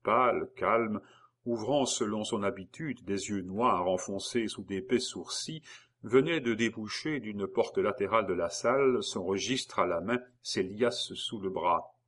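Measured male audiobook narrator. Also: lowish voice, a bit bright. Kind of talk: reading a novel aloud.

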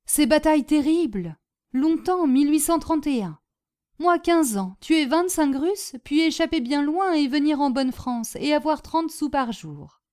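A woman's voice: high-pitched, expressive, a little slow, a little mellow, pitched above the performer's own voice. A woman voicing a young Polish exile man who speaks broken French with a Polish accent in short, simple phrases. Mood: grateful.

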